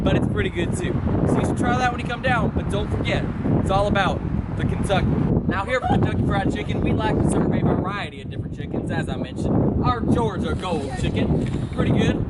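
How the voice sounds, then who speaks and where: A young man playing a boastful small-town chicken-restaurant founder who rambles on in comic salesman patter, outdoors near a street. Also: high-pitched. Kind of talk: comedic skit acting. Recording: loud wind and traffic noise outdoors.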